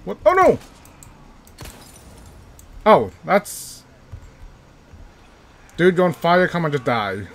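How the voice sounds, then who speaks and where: A gaming YouTuber gives chatty, self-mocking let's-play commentary, repeating himself when things get tense, and jokes that English isn't his first language. His fairly high male voice swings hugely in pitch, moving slowly with frequent pauses.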